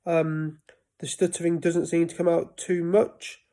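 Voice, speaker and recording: A vlogger in his thirties talks casually to camera about living with a stutter, often breaking off and restarting words. His voice is a little high and mellow, with little pitch movement and an unhurried pace.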